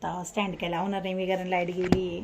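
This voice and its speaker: A woman's voice: lowish voice, level tone, fast, noisy background. A woman vlogging at home, chatting to the camera about her day in a casual way. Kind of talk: casual home vlog chat.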